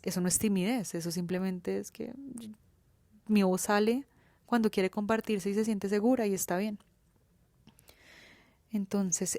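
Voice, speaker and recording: A young Colombian woman hosts a podcast, speaking with a Colombian accent in a mellow, mid-range voice with no room sound. Her reflective personal monologue is candid and colloquial, and she swears freely.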